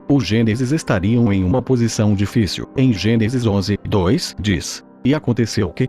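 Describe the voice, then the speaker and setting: A man's voice: on the low side, mellow. A synthetic, robotic male voice with a Brazilian accent, reading scripted explanatory narration. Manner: robotic, synthetic text-to-speech delivery.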